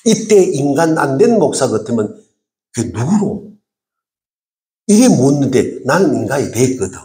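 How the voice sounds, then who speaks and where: A man's voice: medium pitch, big pitch swings, measured pace, mellow. An older man preaching a revival sermon in a Gyeongsang accent, telling a story emphatically, acting out the dialogue and calling for amens. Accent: Gyeongsang Korean. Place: church sanctuary. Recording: echoey church hall.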